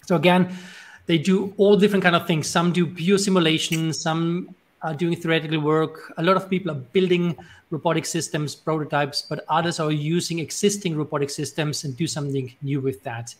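Speaking from a home room lined with bookshelves, a forties-aged robotics professor from Austria joins a video-call panel through earphones and recounts how his career unfolded. His Austrian German-accented voice sits on the high side and moves fairly quickly, friendly and even, with plenty of ums.

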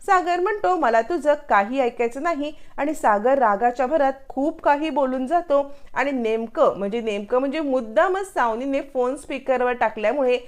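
A woman's voice: high-pitched, lively intonation, normal speed, hardly any pauses. A woman narrating a recap of a television serial episode, reading all the parts herself. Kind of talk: scripted narration.

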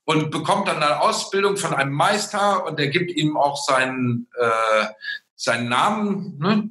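A man hosting an interview, retelling things in an excited, rambling way. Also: fairly high pitch, reverberant, poor audio. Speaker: host. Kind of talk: casual interview talk.

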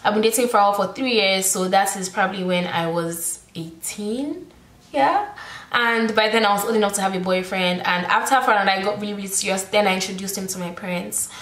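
A Nigerian-accented woman in her twenties, a YouTuber, chats casually to camera from her bedroom in a Q&A vlog. She's expressive and sprinkles in "like" a lot, her medium-pitched voice sounding roomy.

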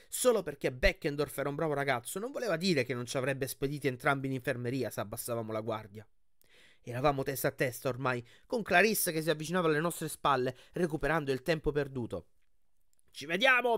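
A man hosting his channel, reading a novel aloud with expressive storytelling and then commenting on the chapter in a chatty, thoughtful way. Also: on the high side, dry recording, clean studio sound. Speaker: audiobook reader and channel host.

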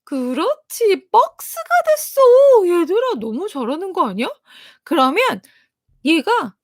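Bright, sing-song woman teaching phonics. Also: sits high, no room sound, clean studio sound. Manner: sing-song, encouraging, exaggerated sounding-out. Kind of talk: children's phonics lesson.

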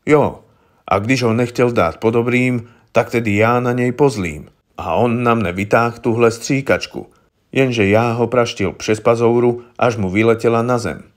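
A man reading aloud, voicing a frightened small-time safecracker who talks plaintively in rough slang. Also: medium pitch, steady tone, close to an everyday voice. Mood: bitter.

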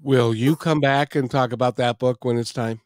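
A middle-aged man hosts a talk radio show with a medium-pitched, steady voice at a moderate pace, chatty and jokey and prone to repeating phrases. The segment covers an interview and the show's outro. He speaks into a studio microphone with headphones, recorded dry and close with no echo and faint music.

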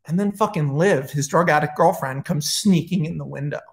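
Excitable, profane storytelling man. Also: a little high, a little fast, vocal fry. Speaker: host retelling a film pitch. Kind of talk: casual storytelling.

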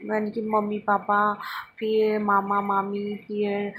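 A woman's voice: medium pitch, completely flat delivery, slow, fairly bright tone, slight background noise. A woman casually narrating her home vlog to viewers, chatty and pointing things out as she films on a phone. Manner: chatty, keeps telling viewers to look. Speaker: vlogger.

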